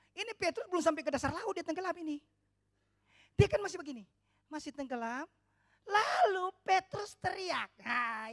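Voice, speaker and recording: A woman pastor preaching a sermon with lots of drama, acting out shouted quotes from congregants and disciples. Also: high voice.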